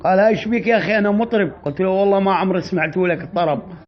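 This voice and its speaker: A man's voice: high-pitched, very fast, lo-fi sound. A man with a Deir ez-Zor Syrian Arabic accent scolding and insulting someone in a comic voice message.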